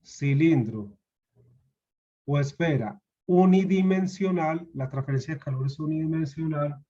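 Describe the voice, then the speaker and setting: A man's voice: fairly high pitch, a little slow, dark tone, muffled recording. A man with a Colombian Spanish accent giving a university lecture over a video call, patiently repeating key points and asking his students questions. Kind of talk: online class lecture.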